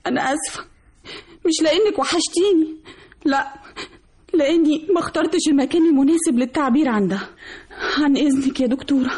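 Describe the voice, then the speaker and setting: A woman's voice: sits high, quick pace, long pauses, darkish tone, close to an everyday voice. An actress playing a lonely, frightened young woman with an Egyptian accent, speaking tenderly to her birds. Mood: apologetic. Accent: Egyptian Arabic. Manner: plaintive, tender, pleading. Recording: old radio drama with hiss.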